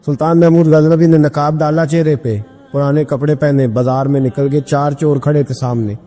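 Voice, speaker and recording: Male preacher, fairly high voice, dramatic storytelling delivery, long reverb, faint music behind. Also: little pitch movement, warm tone. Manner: dramatic, pitch rising high at emotional peaks, breaks into sung verse. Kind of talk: emotional storytelling sermon.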